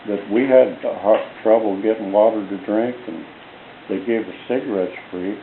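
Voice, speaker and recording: An old man, a war veteran in his eighties or older, reminiscing in a folksy, halting way with homespun grammar. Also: on the low side, steady tone, echoey room. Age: elderly, 80s or older. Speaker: war veteran being interviewed. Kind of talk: reminiscing in casual conversation. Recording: hissy, boxy, phone-like home recording.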